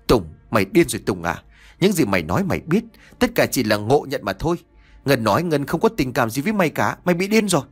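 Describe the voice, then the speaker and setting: A frightened young man argues back urgently in an audio story, voiced by a male narrator. His husky voice jumps in pitch. Faint music lies underneath. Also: very animated, quick pace. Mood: defiant. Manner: alarmed, urgent.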